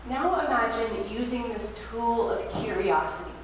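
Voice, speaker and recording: Woman pastor, higher voice, reflective sermon at a pulpit microphone, distant mic, faint hiss. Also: expressive, a little slow, heavy reverb. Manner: gentle, reflective, invites listeners to practice. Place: church sanctuary.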